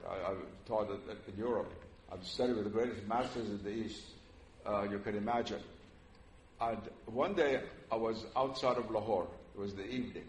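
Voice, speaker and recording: In a roomy hall with faint background noise, an older religious lecturer from Iran, a native Persian speaker, addresses an audience publicly. His voice is on the low side, and he speaks in a measured, earnest way, often pausing with "uh."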